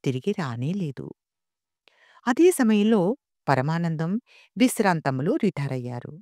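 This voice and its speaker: A woman reading a story aloud as a narrator, with a dramatic, expressive manner. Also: low voice, moderate pace, no echo, studio quality.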